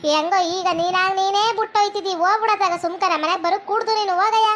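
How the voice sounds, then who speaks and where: A woman plays a furious wife who scolds and hurls insults. Her voice is very high and quick, and a faint hiss of noise sits behind her. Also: steady tone, a bit bright. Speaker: comedy skit actress playing an angry wife.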